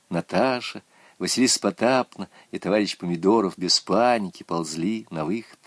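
A man reading a children's story aloud in an animated, expressive way. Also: deep voice, no echo.

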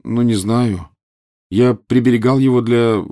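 A man's voice: medium pitch, a little slow, warm tone, voice pushed up, natural voice. A man voicing an earnest, somewhat bitter teenage boy wizard in an audiobook.

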